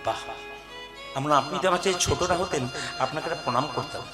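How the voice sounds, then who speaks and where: A man with a fairly high voice preaches at a live kirtan, mixing lively storytelling with sung verses. Loud harmonium and tabla play behind him. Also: brisk, music in the background. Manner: lively storytelling, urges the audience to repeat lines loudly. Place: live devotional stage before an audience.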